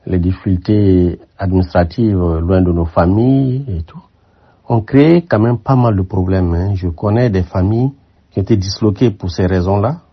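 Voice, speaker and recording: A former military aide from Burkina Faso, now older, gives measured, thoughtful radio interview answers full of hesitations. He has a deep, husky voice, captured in muffled lo-fi sound.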